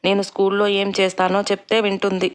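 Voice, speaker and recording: A woman's voice: medium pitch, completely flat delivery, fast talker, close to an everyday voice. A woman voicing a tearful, clingy little boy in a storybook. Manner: whimpering.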